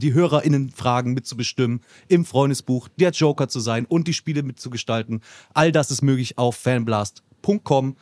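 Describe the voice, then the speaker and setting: Steady male game host explaining rules. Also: mid-range voice, no echo, clean studio sound.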